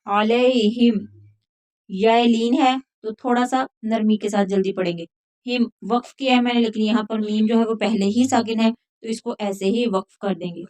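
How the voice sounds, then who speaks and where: A woman teaching a tajweed lesson, patiently explaining each rule and then chanting the verses slowly. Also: on the high side, darkish tone. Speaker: Quran recitation teacher.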